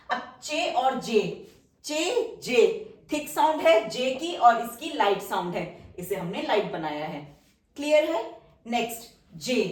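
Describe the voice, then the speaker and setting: A woman's voice: high voice, recorded from a distance. Patient woman teaching shorthand, echoey room. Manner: patient, checks understanding often. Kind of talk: whiteboard lesson. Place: roomy classroom-like space, drawing with a marker. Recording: echoey room, voice heard from afar.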